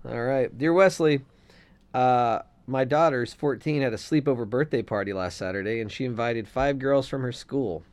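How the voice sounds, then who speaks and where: A man's voice: medium pitch, normal speed, darkish tone. A man co-hosting a casual podcast, reading a listener letter aloud and giving blunt, opinionated takes with some swearing. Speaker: podcast co-host.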